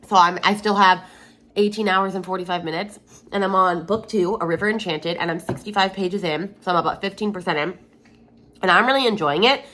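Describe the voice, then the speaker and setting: A woman's voice: fairly low pitch, a bit bright. A woman chatting casually to a vlog camera, sick and run-down, sounding weary as if hungover. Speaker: book vlogger.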